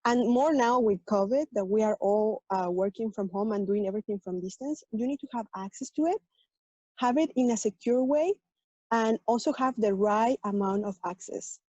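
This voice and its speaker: A woman's voice: mid-range voice, mellow, no echo, lo-fi sound. A woman from Mexico, a native Spanish speaker with a Mexican Spanish accent, earnestly introducing herself and her tech work on a panel. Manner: earnest, explanatory, with "um" pauses. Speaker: tech panelist, program manager.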